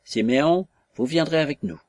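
A man's voice: fairly high pitch, normal speed, darkish tone, no room sound, studio quality, pitched above the performer's own voice, natural voice. A man voicing an elegant, self-important statesman who gives orders and talks down to his guests, in a read-aloud novel. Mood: condescending. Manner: commanding, pompous, condescending.

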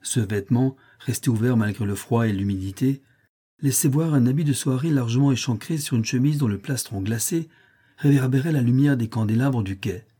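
A male audiobook narrator reads a short story in a measured, expressive way. His tone is dark and mellow, with a husky edge to the voice. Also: medium pitch. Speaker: audiobook reader.

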